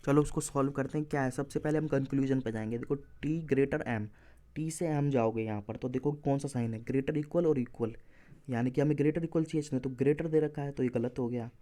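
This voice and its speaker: Male reasoning tutor, mellow tone, steady mid pitch, talks through each step and fixes his own slips. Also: fairly quick. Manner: explains step by step, corrects himself mid-solution. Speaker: reasoning teacher. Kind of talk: exam-prep lesson walking through answers.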